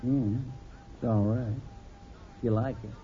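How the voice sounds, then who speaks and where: An actor playing an easygoing, agreeable house painter in a 1950s radio sitcom, slow and noncommittal. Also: male voice, lowish voice, fairly even intonation, soft background music, natural voice. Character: mild, easygoing middle-aged house painter. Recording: tinny old radio transcription with faint hiss.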